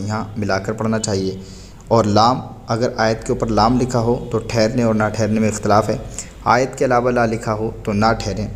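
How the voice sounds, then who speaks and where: A man teaching a Quran reading lesson. He spells words out slowly, letter by letter, and patiently answers his own questions. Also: fairly low pitch, slight background noise. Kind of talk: recorded lesson.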